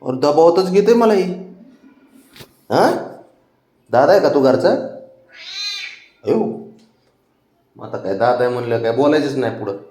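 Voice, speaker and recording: A man's voice: medium pitch, expressive, a little slow, pauses often, dark tone, roomy sound. A man chatting casually to his pet cat, coaxing and teasing it in a playful baby-talk way. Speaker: pet owner vlogger.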